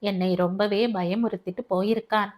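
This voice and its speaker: A gentle, soft-hearted older aunt, voiced by a woman narrator in a storybook. She pleads in a homely, kindly way. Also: mid-range voice, steady tone, normal speed, close to an everyday voice. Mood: pleading.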